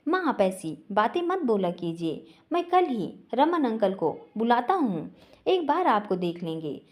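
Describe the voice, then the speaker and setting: A woman voicing a young man, a devoted son who is quick to anger but pleads earnestly with his mother. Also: fairly high pitch, sing-song, a little mellow.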